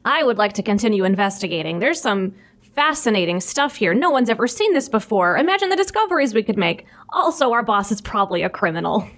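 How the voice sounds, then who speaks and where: A woman playing a tabletop game, speaking in a brisk, teasing way. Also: mid-range voice, big pitch swings, a bit bright. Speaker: player. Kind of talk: tabletop play.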